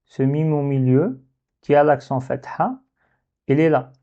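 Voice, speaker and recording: A man teaching Arabic letter reading in French, patiently sounding out syllables one by one. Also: on the high side. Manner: patient, repeats syllables slowly for learners. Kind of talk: slow step-by-step lesson. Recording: dull lo-fi sound.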